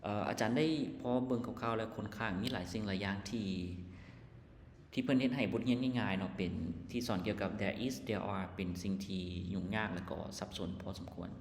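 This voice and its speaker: A man with a Lao accent teaching an English lesson, explaining words slowly and spelling them out letter by letter. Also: lowish voice, fairly even intonation, a little hiss or hum. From Laos. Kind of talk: casual lesson walkthrough. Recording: echoey room with long reverb.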